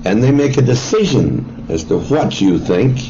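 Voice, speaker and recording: A man speaks haltingly, with a low, gravelly voice. The recording is dull and lo-fi, with faint ambient noise behind him. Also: very animated, dark tone. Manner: halting, hesitant.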